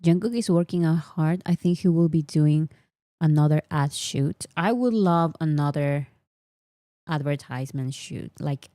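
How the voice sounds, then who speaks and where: A K-pop fan vlogger whose first language is Spanish chats unhurriedly to camera in a low-pitched, mellow voice, mock-serious and laughing often. The recording is clean studio sound with no room sound.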